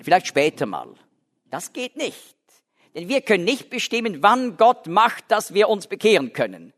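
A man's voice: on the high side, a bit bright. A man giving a Bible lecture, explaining word by word with frequent restarts and fillers, stressing key words. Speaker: Bible teacher. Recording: long hall reverb.

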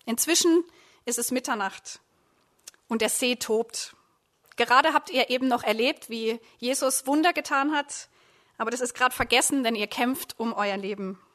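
A woman's voice: fairly high pitch, moderate pace, a bit bright. A woman preaching a sermon, retelling a Bible story dramatically in second person to her listeners. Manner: dramatic, addressing listeners directly. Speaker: preacher, discipleship program leader.

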